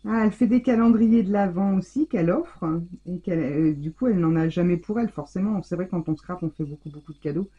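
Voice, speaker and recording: A woman's voice: lowish voice, fast talker, few pauses, mellow, breathy edge, dull audio. A woman hosting a casual scrapbooking vlog, effusively gushing over the handmade gifts she unwraps. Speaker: scrapbooking channel host. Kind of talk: casual mail-opening vlog.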